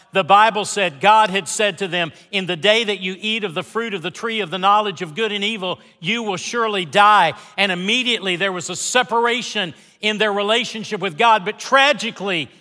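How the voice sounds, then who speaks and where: Guy preaching a sermon in a big echoey church, high voice, super dramatic pauses, goes from hushed to loud. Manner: emphatic, dramatic delivery with deliberate pauses and repeated key phrases; swings between hushed asides and loud declarations. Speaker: pastor preaching to a congregation. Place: large church sanctuary. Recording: reverberant large hall sound.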